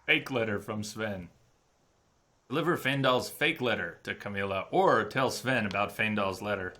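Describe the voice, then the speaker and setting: With game music in the background, a man livestreams his play and talks casually through his thoughts. His voice is fairly low and sharp at a moderate pace, with a slight hiss or hum on the audio.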